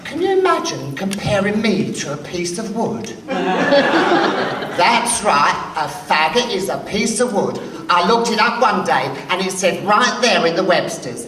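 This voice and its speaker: Man playing a campy drag queen storyteller, drawling, distant mic, echoey hall. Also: sits high. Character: sassy seasoned male drag queen storyteller. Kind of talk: stage monologue. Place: live performance stage.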